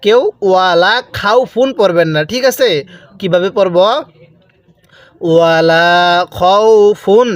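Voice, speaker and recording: A man teaching Quran reading in Bengali, stretching each recited word slowly and then explaining quickly, with a Bangladeshi accent. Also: high-pitched, no room sound, clean studio sound. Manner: drawn-out recited words between quick explanations. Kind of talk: slow spelled-out Quran reading lesson.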